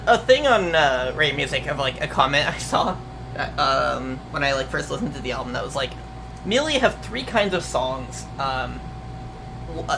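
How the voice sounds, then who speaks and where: Against a noisy background with music playing, a young adult VTuber with a mid-range voice answers questions from viewers. The talk is casual and meandering, full of ums and hesitations, with a swear word here and there.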